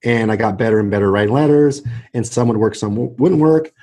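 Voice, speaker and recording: Guest spot: husky middle-aged man, real estate agent, chatty and animated, keeps tagging "right?". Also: on the low side, fairly quick. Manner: animated storyteller, many restarts and "right?" tags. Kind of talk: casual interview talk.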